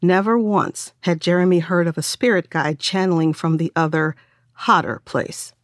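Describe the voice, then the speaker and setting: A woman reading a novel aloud as narrator, in a wry, measured storytelling manner. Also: on the low side, dry recording, studio quality. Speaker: audiobook narrator. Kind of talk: scripted narration.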